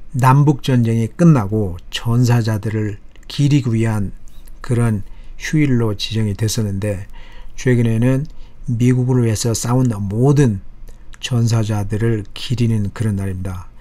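A man teaching English expressions from a news article, explaining slowly and drawing out example phrases. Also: medium pitch, dark tone.

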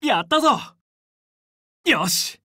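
Bright, heroic young fox pilot. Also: male voice, extremely high pitch, sing-song, no echo, clean studio sound, exaggerated voice. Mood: determined, urgent. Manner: brisk, determined, commanding yet friendly. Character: young heroic anthropomorphic fox space pilot, confident team leader. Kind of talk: Japanese video game voice acting.

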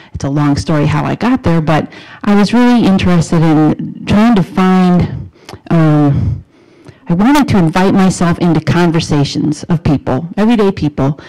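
A middle-aged woman with a Wisconsin accent gives an academic talk into a handheld mic in a lecture room, standing before a projection screen. Her low, mellow voice is earnest and emphatic, with rising questions and pauses to rephrase. The recording quality is low.

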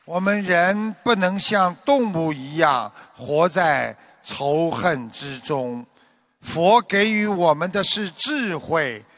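A man giving a Buddhist dharma talk as a teacher, with a measured preaching delivery that turns animated while he tells a joke. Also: fairly high pitch.

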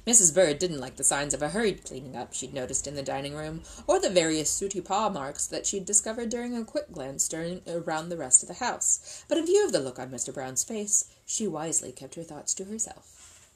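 Seated indoors at a table, a middle-aged woman gives expressive scripted narration of a children's book. Her voice is low-pitched and brisk, and the audio quality is poor.

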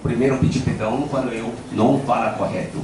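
Speaking quickly with fairly even intonation and medium pitch, the older man continues his casual Portuguese-language acupuncture lecture in a Japanese accent. He shares playful, self-deprecating anecdotes into a handheld microphone in front of an audience in a large lecture hall, captured from afar with echo and background noise.

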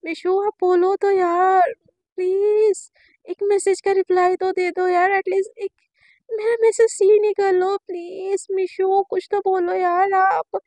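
A flustered, lovestruck young woman, as a storyteller puts her on, begging and berating herself in a very high, shrill voice. The sound is close and dry, with no room around it. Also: little pitch movement, unhurried, a little mellow, no echo. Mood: pleading.

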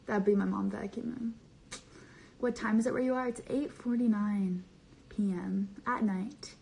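A young social media creator goes live from her small bedroom, reading viewer comments in a rambling, bubbly, playful style full of slang. Her mid-range voice is steady, a little slow, dark and laced with vocal fry, and the audio from her arm's-length phone camera is poor.

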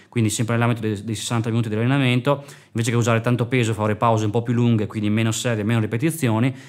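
Brisk young male fitness instructor. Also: medium pitch. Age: young adult. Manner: brisk, explanatory, gestures with hand. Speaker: personal trainer. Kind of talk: direct-to-camera fitness tutorial.

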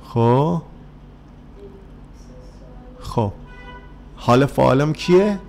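A man teaching an English workbook lesson to children, speaking Persian with a Persian accent and drilling words and letters slowly, one by one. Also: medium pitch, expressive, creaky, darkish tone.

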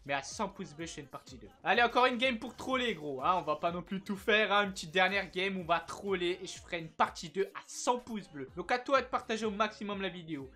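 A man chatting casually as a gaming video host, slangy and laid-back with quick asides. His voice sounds strained and worn. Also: sits high, sharp tone.

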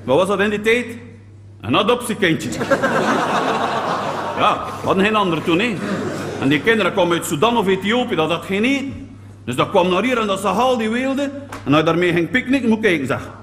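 Flemish male comic, schoolteacher persona, high and animated, chatty digressions. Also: brisk, pauses often, noisy background. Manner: animated and digressive, peppers talk with tag questions. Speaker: schoolteacher character on stage. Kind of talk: stand-up comedy monologue.

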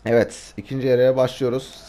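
A hoarse man, giving excitable live commentary over a football video game and shouting out player names in bursts. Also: medium pitch, fairly quick, slight background noise, poor audio. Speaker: gaming YouTuber.

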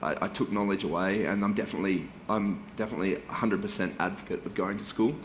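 Earnest low-voiced man. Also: steady tone, quick pace. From Australia. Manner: earnest and reflective, with frequent restarts. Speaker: panel guest, band singer. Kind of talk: conversational panel talk. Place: indoor conference stage. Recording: roomy hall with faint noise.

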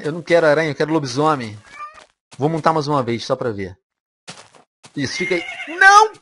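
A young man with a Brazilian accent commentating a game he is playing, animated and quick to squeal and laugh. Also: mid-range voice, a little hiss or hum. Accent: Brazilian Portuguese. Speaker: gaming video host.

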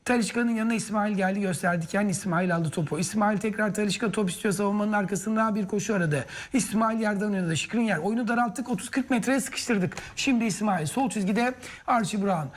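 A man's voice: high voice, brisk, few pauses. Impassioned male partisan football co-commentator. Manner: impassioned, urges players on with short repeated exclamations.

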